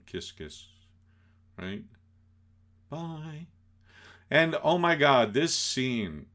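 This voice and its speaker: A man walks through an old film scene by scene in a casual, unhurried lecture. His pitch swings widely as he acts out the characters' lines, and he often stops to fill a gap with "you know". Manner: animated, acts out quotes, many fillers. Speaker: teacher explaining an old film.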